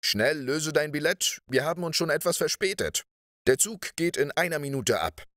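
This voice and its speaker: A man voicing a strict schoolteacher who calls loudly to his pupils in an audiobook story. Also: fairly high pitch, animated, moderate pace, dry recording, clean studio sound, pitched above the performer's own voice. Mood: urgent. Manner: loud calling. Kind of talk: audiobook reading.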